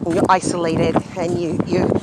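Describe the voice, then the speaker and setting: A woman's voice: on the low side, level tone, a little fast. A slightly tipsy woman telling stories in a rambling, profane monologue while walking outdoors. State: a little tipsy. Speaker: podcast host. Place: outdoors on a city street. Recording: street noise with passing traffic.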